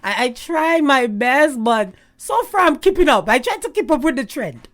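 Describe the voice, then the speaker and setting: A middle-aged Canadian woman guests on a YouTube gossip host's casual chat, telling stories chattily and laughing often. Her voice sits high, swinging widely in pitch at a moderate pace.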